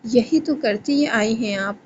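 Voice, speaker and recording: A woman's voice: fairly high pitch, highs cut off, background noise, natural voice. A woman reading the lines of a bitter, angry young male boss in a romance novel reading. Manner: sharp and scornful.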